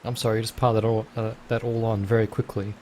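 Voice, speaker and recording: A man's voice: fairly low pitch, little pitch movement, quick pace, a little mellow, a little hiss or hum. A man casually commentating his own gameplay, rambling and thinking aloud. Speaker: let's play host.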